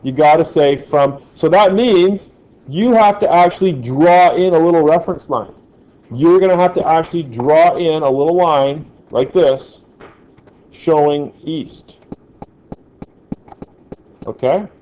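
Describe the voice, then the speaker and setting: Warm and on the high side, this man lectures at a measured pace with frequent pauses. He jokes around with the class and keeps asking "right?", all captured in a dull, echoey, lo-fi classroom recording.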